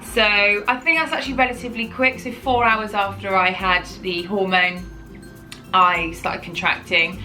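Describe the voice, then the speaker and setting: A woman's voice: mid-range voice, fairly even intonation, normal speed, bright, forceful tone, faint music behind, low-quality recording. A woman, telling her own story to camera in a chatty, rambling way, often correcting herself. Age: 30s. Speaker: parenting vlogger.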